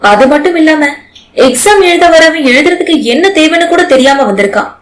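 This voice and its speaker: A woman voicing a caring young husband who consoles his wife in a calm, gently lecturing way. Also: on the high side, moderate pace, echoey room, a little hiss or hum, lightly acted, rough recording. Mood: firm.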